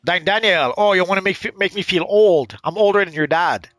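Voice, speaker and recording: This gaming channel host, a middle-aged man from Quebec, Canada, speaks with a mixed Quebec French accent and a high, brisk, slightly bright voice. He offers casual play-by-play commentary in a rambling, hesitant way, full of fillers and false starts. The studio recording is dry and clean.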